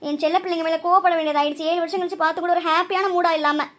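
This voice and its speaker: A woman voicing a quick-tempered village mother. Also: very high-pitched, fairly even intonation. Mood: tender. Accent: Tamil Nadu. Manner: scolding, quick-tempered, then tender. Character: strict, loving middle-aged village mother. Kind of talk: cartoon voice acting.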